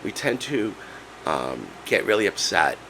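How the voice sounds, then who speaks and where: A man of sixty with laryngitis, his hoarse voice giving out as he chats casually and haltingly as a vlog host. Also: low-pitched, very animated, pushed and bright, slight background noise, poor audio. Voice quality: hoarse, breaking voice. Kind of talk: casual personal vlog, chatty storytelling.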